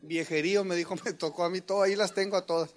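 A man preaching from the pulpit in a fairly high voice, mixing jokes into the sermon. He addresses the congregation as brothers and breaks into sudden loud shouts when he acts out commands. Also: fairly even intonation, fast talker. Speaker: pastor. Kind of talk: humorous sermon.

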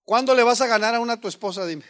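Male pastor, high voice, earnest chatty sermon delivery. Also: very fast, a bit bright. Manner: earnest, addresses listeners as brothers, rhetorical questions. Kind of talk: conversational sermon.

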